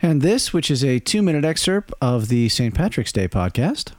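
A man's voice: medium pitch, sing-song, normal speed, no room sound, clean studio sound. A man presenting excerpts of his own writing with informal spoken introductions.

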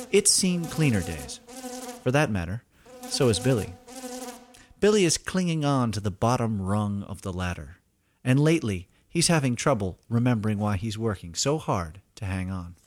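A man narrating a scripted story as podcast host, in a wry, theatrical, deliberate manner. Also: on the low side, very animated.

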